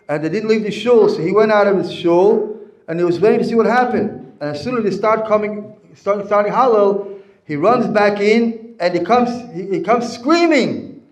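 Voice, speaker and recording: A man, a rabbi, giving a Torah lesson with stories, repeating and restating his phrases as he teaches. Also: high voice. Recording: echoey room.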